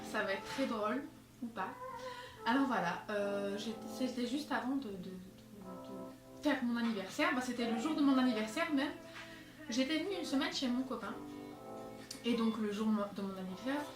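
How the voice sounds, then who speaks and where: A woman's voice: on the high side, distant mic. A young woman chatting to her phone camera in a bedroom, rambling with many fillers and a little out of breath. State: slightly out of breath. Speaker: beauty vlogger. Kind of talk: casual chat to camera. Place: bedroom with skylight, indoors. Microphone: phone camera, no tripod. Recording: echoey room, phone held away, music behind.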